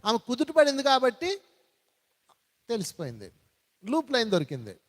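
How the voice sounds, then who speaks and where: A man's voice: very high-pitched, huge pitch swings, moderate pace. A man giving a spiritual satsang talk, telling stories and repeating phrases for emphasis. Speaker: spiritual speaker. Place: large meditation hall. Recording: reverberant hall.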